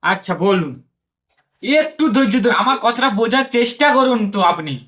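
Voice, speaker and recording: A man's voice: extremely high pitch, animated, brisk, fairly bright tone. A man performing a bickering, exasperated back-and-forth in a comedy sketch. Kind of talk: comedy sketch with several characters. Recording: noisy background.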